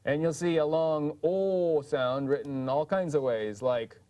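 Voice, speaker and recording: A man narrating a scripted language lesson, sounding out words slowly and carefully. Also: fairly high pitch, dark tone. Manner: slow, careful pronunciation drills. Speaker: language teacher.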